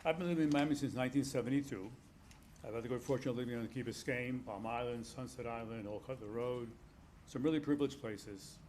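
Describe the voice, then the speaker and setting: A man originally from Cuba addresses a town commission in an assertive, critical tone. His voice sits at an ordinary pitch, over faint room noise. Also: quick pace, darkish tone. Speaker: public commenter. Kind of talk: public comment at a town meeting.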